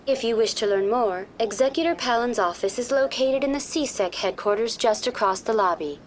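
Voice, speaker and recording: Speaking formally and precisely, a woman voices a courteous, programmed virtual intelligence tour guide in scripted informational game dialogue, polite and informative in mood. Her voice is on the high side and brisk, close to everyday speech, with slight background noise.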